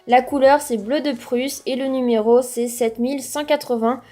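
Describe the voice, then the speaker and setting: A woman's voice: high voice, steady tone, normal speed, warm tone. A young woman hosting a drawing tutorial and chatting through each step in a friendly how-to manner.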